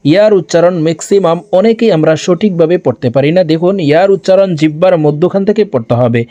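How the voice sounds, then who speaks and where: A man teaching Quran reading, slowly chanting letter drills and quickly explaining the rules to viewers. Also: fairly high pitch, warm tone. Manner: addresses viewers directly. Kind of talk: recitation lesson, drilling letter sounds.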